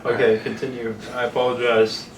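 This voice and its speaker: A man hosting a casual interview, speaking in a halting, informal way. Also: mid-range voice, little pitch movement. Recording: echoey room, distant mic, noisy background.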